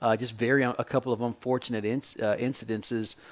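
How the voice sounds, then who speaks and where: A man co-hosts a sports podcast, talking through casual sports chat and analysis in a folksy, colloquial, enthusiastic way. His voice sits at medium pitch with a level tone, and he speaks fairly quickly.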